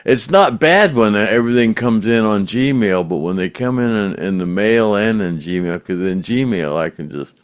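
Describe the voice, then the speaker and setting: A man's voice: fairly low pitch, lively intonation, unhurried, hardly any pauses, smooth, no room sound, studio quality. A man in his seventies hosting a podcast in easygoing casual chat. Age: 70s. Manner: easygoing, laughs often. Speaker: podcast host, former band roadie.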